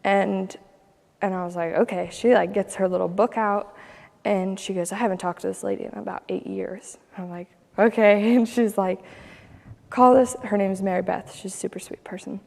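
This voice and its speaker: A woman's voice: medium pitch, steady tone, a little fast, gravelly, a little mellow, in a large hall. A young woman from Ohio casually telling a personal story as a guest, chatty and laughing often as she acts out what others said. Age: young adult.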